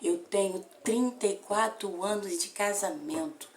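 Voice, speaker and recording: A woman's voice: mid-range voice, a little slow, a little hiss or hum. A Brazilian woman in her fifties, a mother telling a family story with feeling and repeating phrases for emphasis. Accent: Brazilian Portuguese. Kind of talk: emotional personal storytelling. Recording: roomy echo.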